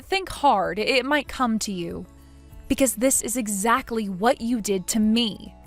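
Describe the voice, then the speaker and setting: A woman voicing a cool, cutting young woman who mocks in a dry, measured way, in a read-aloud text story. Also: on the high side, faint music behind. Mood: sarcastic.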